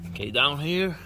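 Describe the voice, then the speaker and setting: A young native Spanish speaker from Puerto Rico, with a Puerto Rican Spanish accent, walks around his pickup truck outdoors and describes it casually, often hunting for words and starting over. His fairly high voice sounds pushed and bright, and there's a little hiss or hum on the recording.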